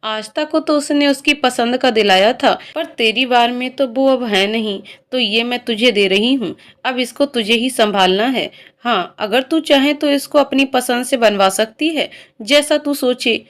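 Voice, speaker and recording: A woman's voice: a little high, unhurried, few pauses, close to an everyday voice. A woman reading as an old family grandmother. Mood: tender.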